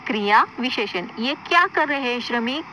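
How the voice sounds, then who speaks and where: A woman teacher giving a recorded school lesson, explaining slowly, repeating words and putting questions to her pupils. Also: fairly high pitch, lively intonation, bright, forceful tone, a little hiss or hum, poor audio.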